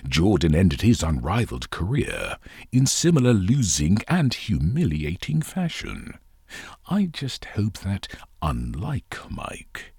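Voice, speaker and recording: A man's voice: low voice, vocal fry, slightly rough, no room sound, clean studio sound. A man hosting a podcast, reading a scripted opinion commentary in wry, wordy, formal language. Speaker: podcast host.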